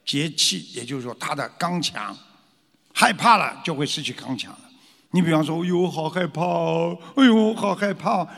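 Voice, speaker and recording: A man lectures followers with lively, swooping intonation, often acting out frightened voices and firing rhetorical questions at the room. His voice sits high for a man and carries a gravelly edge. It rings with a long hall reverb. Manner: animated, acts out scared voices and rhetorical questions.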